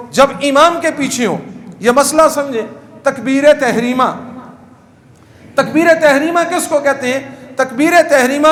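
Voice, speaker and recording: A man from Pakistan with a very high voice, preaching a lesson on prayer to his congregation. He keeps checking whether his listeners follow. He stretches some words out into slow, chanted demonstrations. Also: fairly bright tone. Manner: asks listeners questions and answers them. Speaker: mosque preacher.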